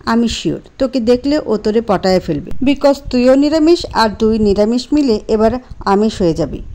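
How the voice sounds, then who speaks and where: A woman voicing a bossy, teasing young husband in a narrated storybook, in a lightly lowered version of her own voice. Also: animated, normal speed, mellow.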